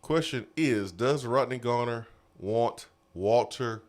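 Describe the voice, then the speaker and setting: A man hosting a casual sports talk show, animated and quick to laugh. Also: mid-range voice. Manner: animated, laughing, drawn-out emphasis. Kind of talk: casual sports radio chat. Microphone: studio mic.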